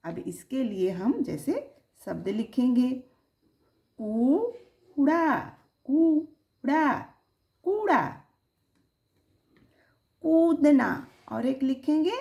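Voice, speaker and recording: A woman teaching young children, sounding out syllables slowly and lifting her voice on each example word. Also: medium pitch, dark tone. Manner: slow, drawn-out, sounding out syllables; sing-song, rising on the example words. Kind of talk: children's Hindi lesson.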